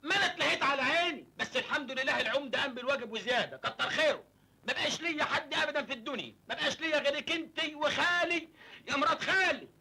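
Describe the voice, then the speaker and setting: A man's voice: very high voice, expressive, vocal fry, pushed and bright, heavily acted. An actor with an Egyptian accent playing a naive, hungry young village man who jokes cheekily with his uncle. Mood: cheeky. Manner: cheeky, joking, fast-talking. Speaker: comic lead in an old film.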